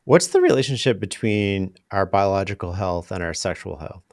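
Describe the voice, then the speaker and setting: A man hosting a podcast interview, asking questions in a quick, reflective way. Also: sits low, lively intonation, no echo. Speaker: podcast host.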